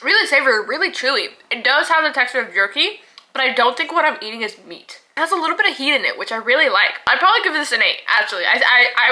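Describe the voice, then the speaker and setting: A woman's voice: on the high side, bright, forceful tone, poor audio. A young woman reviewing snacks in a casual vlog, chatty and laughing often, filling her talk with "like".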